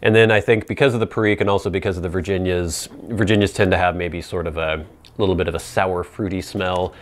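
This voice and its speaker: A man in his thirties or forties giving an informal product review to camera, explaining in a measured, casual way with playful asides. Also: low-pitched, steady tone, slight background noise. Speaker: pipe tobacco reviewer. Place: small indoor set with plain backdrop. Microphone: lapel mic.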